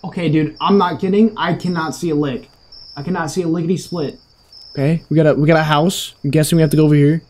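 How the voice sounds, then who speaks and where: A man's voice: on the high side, steady tone, fast talker, darkish tone. A man doing casual gameplay commentary, with loose, joking reactions, plenty of slang and cursing. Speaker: gaming content creator.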